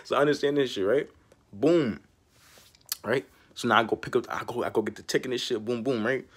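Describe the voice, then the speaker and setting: A young man with a middle-pitched voice speaks to camera in a loose, rambling way. He drops slang and filler phrases constantly and preaches life lessons in a streetwise tone. His delivery feels unscripted. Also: brisk, slightly rough. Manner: slangy and rambling, peppered with "bro" and "you know what I'm saying". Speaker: vlogger. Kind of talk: casual monologue to camera.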